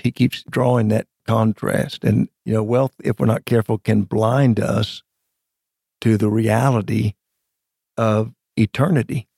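Guy teaching theology in an interview, super creaky dark voice, close dry sound, measured phrasing. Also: lowish voice, no echo. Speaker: guest Bible scholar. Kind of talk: explanatory theological interview talk.

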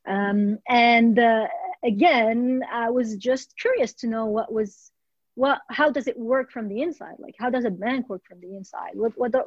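Woman guest from Morocco, mid pitch, dry muffled sound, halting and filler-heavy. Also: dry recording. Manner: halting, many fillers and repeats. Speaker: guest, startup founder. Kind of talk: interview conversation.

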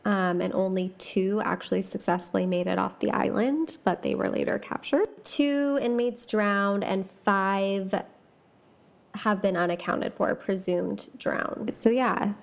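A woman's voice: medium pitch, measured pace, gravelly. A woman hosting a chatty podcast, talking casually with lots of fillers and asides and reading ghost stories aloud. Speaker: podcast host.

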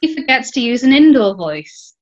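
A woman's voice: high-pitched, sing-song, moderate pace. A woman co-hosting a podcast over a video call, joking about herself and laughing often. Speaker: podcast co-host. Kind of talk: casual chat. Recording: dull lo-fi call audio.

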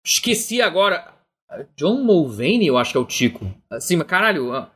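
A man with a Brazilian Portuguese accent, co-hosting a live-streamed chat show in an animated, rambling, joking way, full of slang. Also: fairly high pitch, moderate pace, husky. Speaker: podcast co-host.

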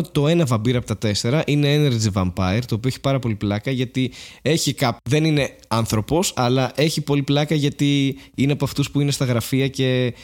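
Chatty man, casual podcast talk. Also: mid-range voice. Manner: rambling, animated, many fillers and restarts. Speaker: podcast co-host. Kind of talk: casual chat.

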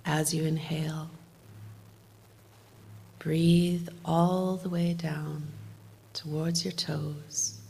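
A woman leading a guided meditation like a sleep story narrator, speaking gently in short, unhurried phrases with long pauses. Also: low-pitched, little pitch movement, creaky, a little hiss or hum.

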